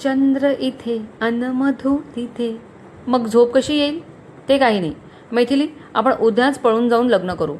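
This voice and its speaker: A woman's voice: a little high, a little slow, a little mellow, slight background noise, lightly acted. A woman voicing a teasing young lover. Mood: playful. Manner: teasing, eager. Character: young romantic playful man, fiancé.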